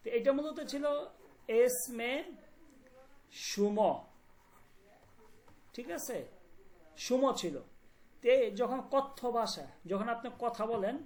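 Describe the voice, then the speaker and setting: A woman teaching a language class online, explaining words slowly and often asking whether students follow. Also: a little high, darkish tone. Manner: repeats words and checks understanding often.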